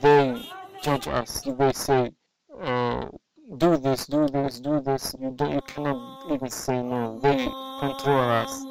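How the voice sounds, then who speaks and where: A man whose voice is altered to sound deeper to hide who he is, speaking as an activist in a slow, halting way. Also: lively intonation, gravelly, a crowd in the background, low-quality recording. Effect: voice disguised to sound deep. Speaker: activist interviewee.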